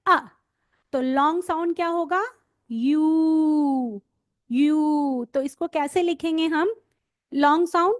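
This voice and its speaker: A woman's voice: very high voice, fairly even intonation, fairly bright tone, no echo, clean studio sound. A woman teaching phonics to parents and teachers, stretching out letter sounds and repeating them for her listeners to copy. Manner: slow, drawn-out letter sounds with repetition. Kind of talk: explanatory lesson for parents and teachers.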